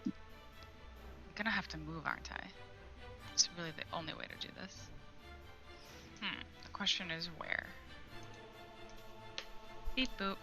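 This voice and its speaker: A woman's voice: lowish voice, a little slow, pauses often, over music. A woman playing a tabletop game, hesitant and chatty with lots of ums and playful asides. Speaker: player. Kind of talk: casual game talk.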